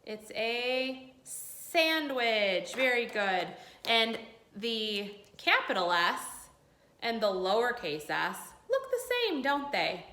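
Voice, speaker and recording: A woman teaching young children like a kids show host, encouraging and sing-song, pausing for them to answer. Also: fairly high pitch, very animated, bright, forceful tone, roomy sound. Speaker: early grade school teacher leading a remote morning class. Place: indoors at a school.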